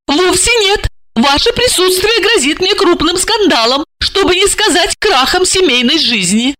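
A woman voicing an indignant, flustered young wife in an audiobook, with a shrill, exasperated manner. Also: expressive, normal speed, a bit bright. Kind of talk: audiobook character voice.

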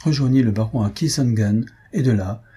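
A man reading a novel aloud as an audiobook narrator, in measured storytelling. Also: medium pitch, dark tone, husky.

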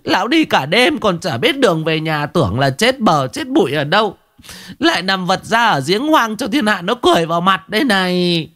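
A shrill, sharp-tongued village wife, wailing loud complaints. The storybook figure whines high and sounds bitter. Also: male voice, big pitch swings, moderate pace.

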